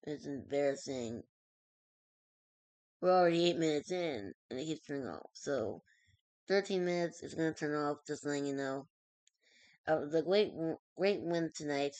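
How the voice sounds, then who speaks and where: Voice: mid-range voice, normal speed, long pauses, darkish tone, no room sound. A streamer reading a web story aloud, stumbling over words, correcting themselves and dropping in casual asides.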